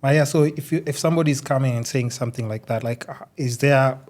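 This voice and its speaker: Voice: medium pitch, fast, a little mellow. An interview host with a Kenyan East African accent, chatting casually in informal, loosely phrased sentences.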